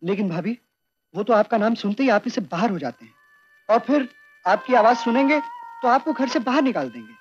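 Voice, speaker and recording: An actor playing a kind younger-brother figure who speaks gently and cautiously. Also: male voice, extremely high pitch, animated, brisk, faint music behind. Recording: dull old film soundtrack with score.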